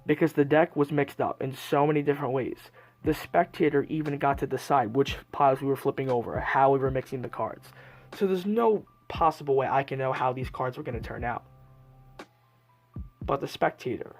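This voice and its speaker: A man's voice: mid-range voice, a little fast. A man presenting as a card magician, explaining each step to viewers in a patter-like way. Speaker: card magician and video host. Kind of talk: card trick performance narration, addressed to viewers. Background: music.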